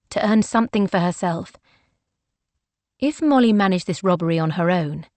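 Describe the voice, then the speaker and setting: Woman narrator for a romance audiobook, measured, mid pitch, dry close sound. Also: darkish tone, dry recording. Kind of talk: scripted narration.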